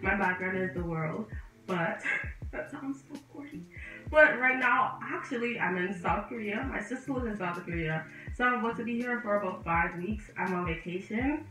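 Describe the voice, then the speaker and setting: Speaking at a moderate pace in a medium-pitched voice, this Bahamian woman, a vlogger who studies medicine, chats directly to her viewers in a sit-down video. She's animated, using both hands as she talks. The room echoes, her voice comes across a bit distant, and faint music plays in the background.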